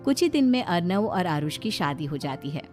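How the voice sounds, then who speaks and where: A woman narrating a family cartoon story in a steady, expressive storybook style. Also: on the low side, normal speed, faint music behind.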